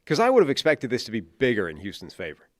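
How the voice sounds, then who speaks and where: A man's voice: mid-range voice, wildly swooping pitch, fast, no echo, clean studio sound. A man co-hosting a casual football podcast, wry and joking, spinning out a running bit. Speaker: podcast co-host, football analyst. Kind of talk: casual sports podcast chat.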